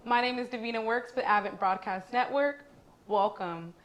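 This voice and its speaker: A woman's voice: on the high side, moderate pace, a bit bright, roomy sound. A woman hosting a studio interview, asking friendly, long, multi-part questions. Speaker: interviewer, network host.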